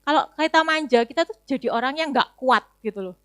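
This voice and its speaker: Young woman, youth speaker, casual sermon testimony, higher voice, dry close sound. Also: expressive, fast, fairly bright tone, smooth, dry recording. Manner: chatty, casual, many fillers and tag words.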